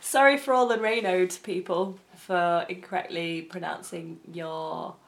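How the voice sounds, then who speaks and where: A woman's voice: fairly low pitch, steady tone, unhurried. A woman co-hosting a casual comedy podcast, teasing and giggling often. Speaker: podcast co-host.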